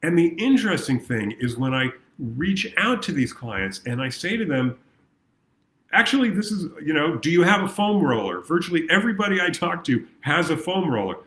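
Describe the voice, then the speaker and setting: A man's voice: fairly high pitch, sing-song, moderate pace, a bit bright. A man speaking as a coach in an earnest talk to camera, now and then acting out his clients' voices. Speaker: progress coach. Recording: echoey room.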